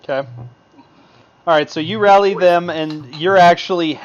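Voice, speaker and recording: A man's voice: sits high, normal speed, clear, resonant tone. Man running a tabletop game, lo-fi sound. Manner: loose, improvised narration with many fillers. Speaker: game master. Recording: dull lo-fi mic.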